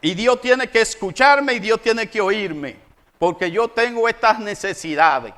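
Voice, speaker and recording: A man's voice: sits high, lively intonation, a little slow, pushed and bright. A man, preaching an emphatic sermon to his congregation as pastor. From Dominican Republic. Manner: emphatic preaching, rising and falling in volume, addresses congregation directly. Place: church.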